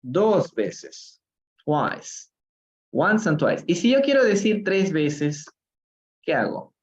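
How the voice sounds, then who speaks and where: On a live stream, a man with a Peruvian Spanish accent teaches an English reading lesson in a high-pitched, sing-song voice, the audio dull from a phone or computer mic. He slowly draws out model phrases, calls on chat viewers by name and asks questions.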